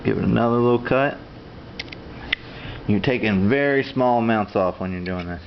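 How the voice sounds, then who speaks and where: A man's voice: on the low side, moderate pace. A man giving a casual, plainspoken, matter-of-fact how-to demonstration as an instructor. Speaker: instructor demonstrating duck call tuning. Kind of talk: casual hands-on tutorial. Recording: dull lo-fi sound with clear background noise.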